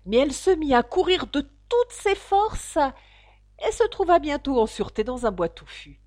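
Expressive woman reading a storybook aloud. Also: sits high, moderate pace, dry recording. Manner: expressive reading, voices for each figure. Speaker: audiobook reader. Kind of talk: storybook narration.

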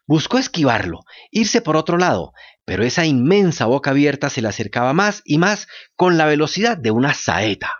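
A man narrating a children's radio story with a dramatic, expressive reading. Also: a little high, moderate pace, lo-fi sound.

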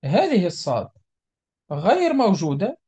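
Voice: medium pitch, wildly swooping pitch, moderate pace, dark tone, husky. A Quran recitation teacher giving a methodical, step-by-step lesson, repeating each example and drawing out the nasal sounds to show them.

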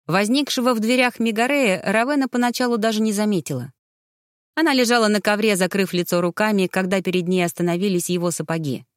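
A woman narrating a fantasy audiobook in an expressive, dramatic storytelling manner. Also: mid-range voice, fast, no room sound, clean studio sound.

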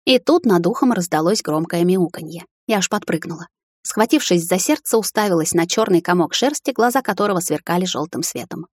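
A woman narrating a novel in first person, with an even, expressive storytelling manner, recorded close to the mic. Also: fairly low pitch, brisk, no room sound. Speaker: audiobook narrator.

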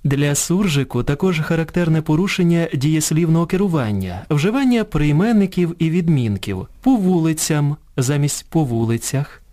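Man, radio presenter, scripted lesson narration, fairly high voice, animated pitch. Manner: measured reading that contrasts correct and incorrect forms one by one. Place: radio studio.

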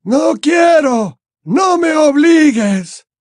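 Man doing elderly storybook wizard, male, raised pitch, slow drawn-out delivery, dry close sound. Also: big pitch swings, dark tone, slightly rough, no echo, exaggerated voice. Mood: terrified, begging. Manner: slow, high, wailing pleas. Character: frail elderly male wizard headmaster, pleading. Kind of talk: audiobook character voice.

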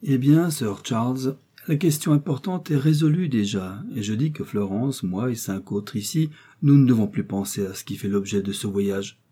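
A man reading a frank nervous young gentleman. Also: medium pitch, normal speed, hardly any pauses, breathy edge, natural voice. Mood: earnest.

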